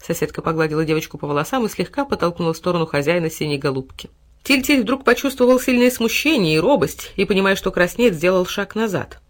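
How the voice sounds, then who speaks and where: A woman narrating a fairy tale audiobook in an even storytelling voice. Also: lowish voice, fast talker.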